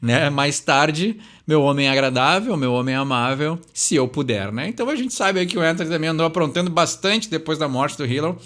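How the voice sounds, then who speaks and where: Animated and fairly high-pitched, this young man's slightly bright voice carries a Brazilian Portuguese accent. As a channel host from Brazil, he breaks down song lyrics in a relaxed, chatty way, often adding "né?" to fill pauses and reading English slowly.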